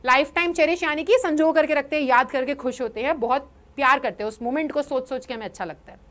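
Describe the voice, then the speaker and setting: A young Indian woman teaching English vocabulary in a lively online lesson, explaining in Hindi and reading English examples slowly. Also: sits high.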